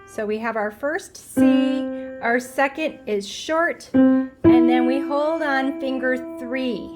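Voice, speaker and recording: Patient woman teaching piano, slow-spoken. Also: high voice. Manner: patient, counts and half-sings beats aloud. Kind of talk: step-by-step piano lesson. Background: piano played along.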